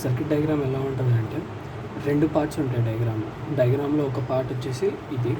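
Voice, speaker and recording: This steady, medium-pitched man speaks with a Telugu accent while explaining a circuit diagram to his students. It's an informal lesson in Telugu sprinkled with English terms, where he goes step by step, self-answers his questions and slows to dictate English sentences. The mic is distant, with noisy vehicles around.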